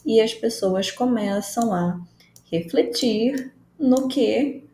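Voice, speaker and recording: A woman's voice: fairly high pitch, takes it slowly, dark tone. A woman, an English teacher giving an online language lesson, patient and explanatory, repeating key phrases to explain them. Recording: roomy echo, faint background noise.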